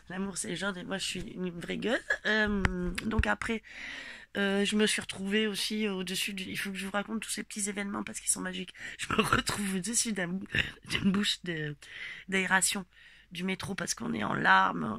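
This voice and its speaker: A woman telling her listeners about a protest in a loose, rambling, animated way, swearing often and speaking to them directly. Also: mid-range voice, gravelly, no room sound. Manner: animated, emphatic storytelling with frequent swearing. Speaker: gilet jaune protester recounting a march. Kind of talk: casual spoken personal account.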